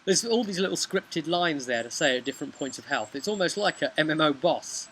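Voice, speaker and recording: A game master retells his tabletop role-playing session, recorded on a camera mic while he sits on a bench next to a brick house. His slightly high, somewhat bright voice is brisk with lively intonation, and the outdoor home video picks up a lot of noise.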